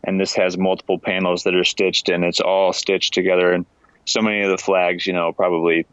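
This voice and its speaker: A very deep-voiced American man talks in an easy, thoughtful way, circling back and restarting his sentences. The sound is dry and a bit muffled, with no room around it. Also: fairly quick, smooth, no echo. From United States. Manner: relaxed, thoughtful, trailing restarts. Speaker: leatherworker, guest. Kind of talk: casual conversation.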